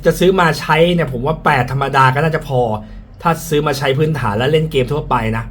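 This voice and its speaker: This tech reviewer talks fast in a slightly high, fairly bright voice, muffled a bit by a face mask. He's frank and casual about the product and repeats himself often, with clear ambient noise in the background.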